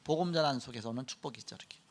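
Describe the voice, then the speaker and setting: A middle-aged male pastor giving a sermon, telling a story with lively acted-out quotes. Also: mid-range voice, racing. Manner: animated storytelling, acts out quoted lines.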